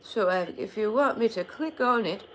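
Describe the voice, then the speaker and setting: A woman's voice: mid-range voice, expressive, normal speed, slight background noise, natural voice, low-quality recording. A young woman voicing a confused, literal-minded old woman in an improvised prank call, hesitant and befuddled. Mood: puzzled, literal. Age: young adult. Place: small furnished bedroom.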